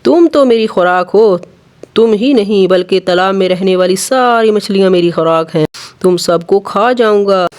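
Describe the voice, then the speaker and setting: A storyteller voicing an arrogant, greedy male heron who boasts and gloats in a children's animated story. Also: medium pitch, normal speed, natural voice. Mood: boastful.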